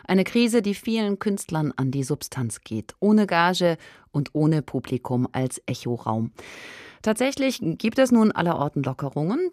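Radio host reading a culture segment. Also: male voice, on the high side, darkish tone, dry recording, studio quality. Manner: measured, clear announcing. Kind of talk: scripted radio presentation.

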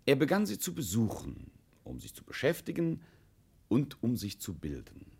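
A man narrating a scripted children's story in a gravelly, husky voice. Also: medium pitch, wildly swooping pitch, moderate pace, a little mellow.

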